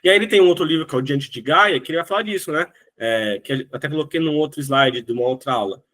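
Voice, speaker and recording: A man speaking fast in a fairly high, somewhat bright voice gives a recorded lecture with a Brazilian Portuguese accent. He lays out his explanation one step at a time and keeps asking "né?" to check in.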